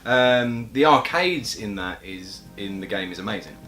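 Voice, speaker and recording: A man's voice: lowish voice, expressive, moderate pace, pushed and bright, faint music behind. Laid-back man in casual game chat. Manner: laid-back, agreeable, dry. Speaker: co-host of gaming chat show.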